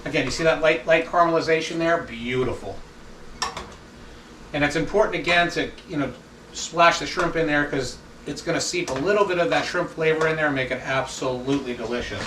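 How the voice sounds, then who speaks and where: A man chef giving a step-by-step cooking demonstration in a relaxed, instructive way, stopping now and then to restart a phrase. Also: fairly high pitch, brisk, noisy background. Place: kitchen. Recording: echoey kitchen, mic at a distance. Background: sizzling pan sounds.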